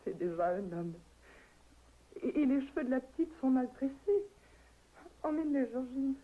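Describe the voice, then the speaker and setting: A woman's voice: sits high, big pitch swings, moderate pace. An actress playing a dying young wife in a 1960s radio drama, faint and breathless as she drifts into delirium. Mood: tender. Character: dying young wife Alceste, feverish and tender. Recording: tinny old radio recording, faint hiss.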